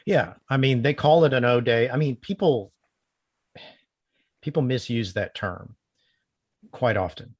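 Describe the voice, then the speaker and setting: A man co-hosting a security podcast, calmly explaining and correcting how a term is used. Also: mid-range voice, a little slow, pauses often, dry recording, muffled recording. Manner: explanatory, sets terms straight. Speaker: podcast co-host. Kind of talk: casual security podcast chat.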